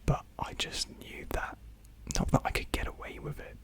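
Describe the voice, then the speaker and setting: A young adult whispers softly and breathily right up against the microphone at a moderate pace. In this casual ASMR chat they respond to viewer comments, rambling hesitantly and poking fun at themselves.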